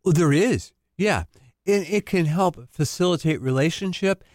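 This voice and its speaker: A man's voice: fairly high pitch, animated, moderate pace, no room sound. Chuckling male counselor, dry studio voice. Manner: laughing easily, explaining. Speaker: family counselor, guest. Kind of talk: casual radio chat.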